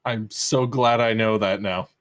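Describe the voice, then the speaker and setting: A man's voice: lowish voice, fairly even intonation, measured pace, fairly bright tone. A man on a casual voice-call podcast, reacting with short, dry quips. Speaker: podcast co-host. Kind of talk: casual chat.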